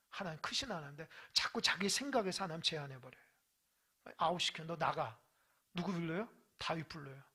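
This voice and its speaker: A male pastor preaching a midweek sermon who swings between quiet asides and shouted exhortation and keeps asking the congregation questions. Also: fairly high pitch, breathy edge.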